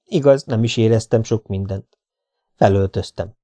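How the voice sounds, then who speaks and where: A man's voice: on the low side, warm tone. A man reading a first-person hard-boiled novel aloud, in a dry, laconic manner. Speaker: audiobook reader. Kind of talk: first-person audiobook narration.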